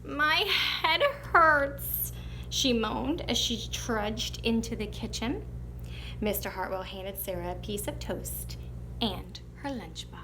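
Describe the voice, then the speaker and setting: A woman teacher speaking to young children in an expressive storytime read-aloud style. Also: medium pitch, measured pace, background noise.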